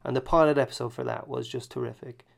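Male co-host, mid pitch with gravel, relaxed conversational delivery. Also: quick pace. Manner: easygoing, chuckling, self-correcting. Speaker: podcast co-host. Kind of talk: casual chat about TV.

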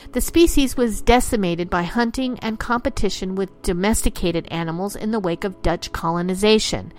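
A woman's voice: mid-range voice, moderate pace. A woman reading an explanatory scripted narration in the manner of a nature documentary, in long formal sentences. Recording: voice-over with music underneath. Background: music.

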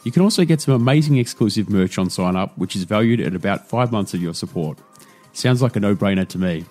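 Low-voiced upbeat male host. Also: animated, fast, a little mellow, soft background music. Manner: upbeat, laughs easily. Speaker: podcast host. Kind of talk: podcast interview.

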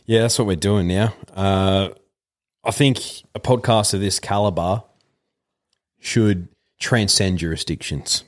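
A low-pitched man with an Australian accent co-hosts a podcast. He talks casually, with a blokey, tongue-in-cheek manner. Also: unhurried. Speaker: podcast co-host. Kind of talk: casual chat with sponsor plugs.

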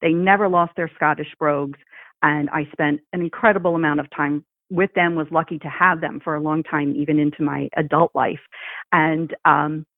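Brief: woman podcast co-host, a bit low and husky, animated storyteller, thin phone-like audio. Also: normal speed, no room sound. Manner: animated storyteller who laughs often. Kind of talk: casual podcast chat. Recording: thin phone-like sound, dry.

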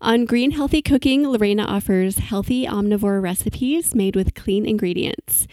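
A woman's voice: mid-range voice, normal speed, warm tone, no room sound. A woman hosting a podcast interview, talking in an upbeat, enthusiastic way. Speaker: podcast host.

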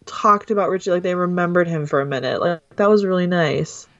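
A woman in casual chat, emotional and animated, talking with many filler words. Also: fairly low pitch, fairly quick, dry recording, highs cut off.

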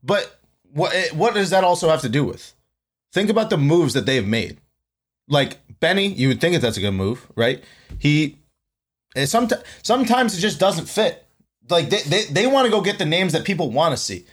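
A young man co-hosting a casual sports chat, arguing in an animated, profane way. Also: on the high side, normal speed, husky.

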